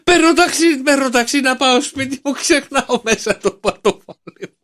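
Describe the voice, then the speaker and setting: A weepy little drinker with nothing left, put on by a man telling a joke, whining through tears. The voice climbs high and wobbles, and every line breaks into a pleading sob. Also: a bit bright. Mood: sobbing. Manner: whiny, tearful, pleading. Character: skinny heartbroken man sobbing at a bar.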